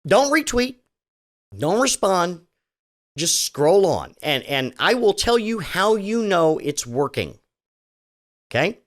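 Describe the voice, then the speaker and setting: Hosting his own podcast, this middle-aged man chats casually and sarcastically, wandering off and restarting often. His voice is high and a bit bright, with a sing-song lilt, a slow pace, and long pauses.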